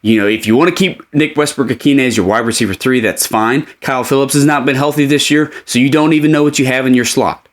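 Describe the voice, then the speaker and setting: A man with a mid-pitched voice hosts a solo sports podcast. He talks in an emphatic, opinionated way, like a committed fan laying out his views. The delivery is conversational and unscripted. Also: fast, hardly any pauses.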